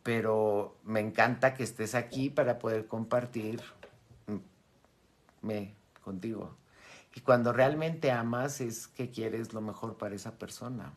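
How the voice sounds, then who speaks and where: A middle-aged woman giving an animated talk to her followers as a spiritual teacher, often acting out the voices she quotes and laughing. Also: a bass voice, measured pace. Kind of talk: live-streamed talk to followers.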